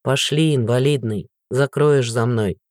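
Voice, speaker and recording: A man voicing a calm, scornful ex-cop guard who speaks in a mocking, unhurried way. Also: medium pitch, no room sound, studio quality, pitched below the performer's own voice, close to an everyday voice.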